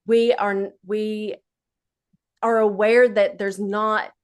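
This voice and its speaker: A woman's voice: medium pitch, little pitch movement, slow pace, clean tone. A woman with an Appalachian accent chatting casually as an interview guest, in a folksy, unflattened dialect. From Appalachia, United States.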